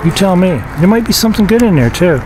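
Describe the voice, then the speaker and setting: A man's voice: high-pitched, lively intonation, quick pace, music in the background, poor audio. Man narrating a flea market walk-through. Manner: chatty, wry remarks while filming. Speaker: vlogger touring a flea market. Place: indoor flea market hall.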